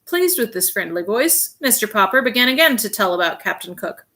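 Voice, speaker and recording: A woman reading a children's chapter book aloud in a clear, steady narration. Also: mid-range voice, a little fast. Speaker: reader.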